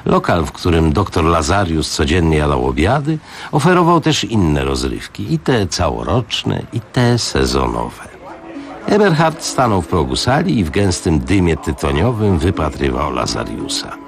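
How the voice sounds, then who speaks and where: A man reading a novel aloud on radio, in an expressive, dramatic narration. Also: sits low, moderate pace, gravelly. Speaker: radio reader.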